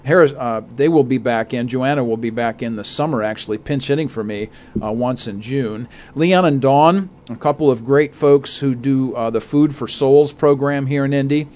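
A man's voice: medium pitch, normal speed, hardly any pauses, a little mellow. A man co-hosting a faith radio show, talking earnestly with many fillers and restarts. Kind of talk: casual radio talk.

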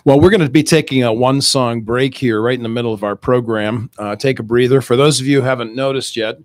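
A middle-aged or older man with a gravelly voice, hoarse from a cold, hosting conversational talk radio in a measured, explanatory way. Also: medium pitch, fairly even intonation, no room sound. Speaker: radio show host and educator. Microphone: close studio microphone.

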